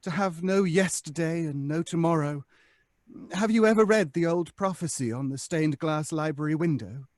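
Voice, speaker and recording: A man's voice: fairly high pitch, no echo, lightly acted. A man playing a pompous, lonely old ghost. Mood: weary, mournful. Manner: pompous, theatrical, drawn-out phrasing. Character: lonely, haughty centuries-old male ghost, weary and theatrical. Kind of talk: old-time radio drama acting. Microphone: close studio microphone.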